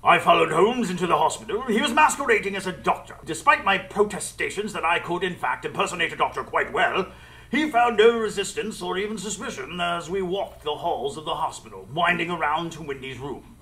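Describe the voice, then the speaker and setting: Man playing animated, bright-voiced, exasperated Doctor Watson. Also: high-pitched, a little fast, exaggerated voice, low-quality recording. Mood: reflective narration. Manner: formal, theatrical, wordy. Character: Doctor Watson, loyal exasperated English gentleman narrator. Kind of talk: live radio drama acting and narration. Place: live stage before an audience.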